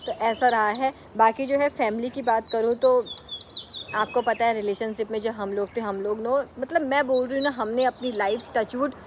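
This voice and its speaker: A woman's voice: a little high, fairly even intonation, normal speed, a little hiss or hum. A young woman chatting casually to camera on a rooftop, rambling and correcting herself as she talks to her viewers. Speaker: vlogger. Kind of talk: casual vlog chat to camera. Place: rooftop, outdoors.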